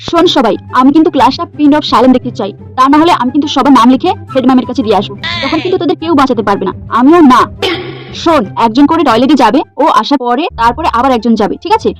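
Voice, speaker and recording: A woman's voice: high voice, lively intonation, fast talker. A woman acting out a bossy class monitor in a comic sketch, scolding and threatening classmates. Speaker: comedy sketch creator. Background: music.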